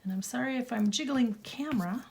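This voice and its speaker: A middle-aged woman, a little croaky, chatting casually and rambling as she crafts in her home studio, laughing at herself often. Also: a little high, quick pace, a little mellow, a little hiss or hum. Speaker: craft channel host. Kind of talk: casual chat while crafting.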